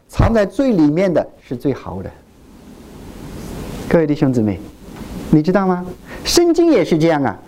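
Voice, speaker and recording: With a little noise in the background, a pastor from China preaches in a mid-range voice. His delivery is animated as he questions the congregation and plays out what churchgoers say.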